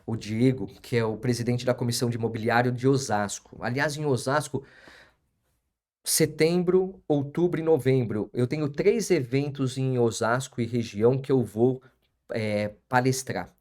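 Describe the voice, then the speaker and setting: A man's voice: medium pitch, moderate pace, a little mellow. A man, hosting a live stream as an auctioneer and lawyer, repeating his phrases for emphasis and chatting with viewers.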